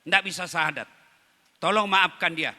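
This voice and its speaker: A man voicing a calm, patient prophet in a sermon story, speaking in a measured, quiet, authoritative way. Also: a little high, long reverb tail. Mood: calm, gentle. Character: calm, patient male prophet giving commands.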